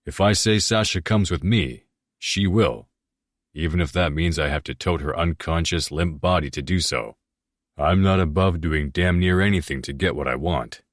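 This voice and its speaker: Very deep male audiobook narrator. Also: moderate pace, no echo, clean studio sound. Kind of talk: first-person audiobook narration.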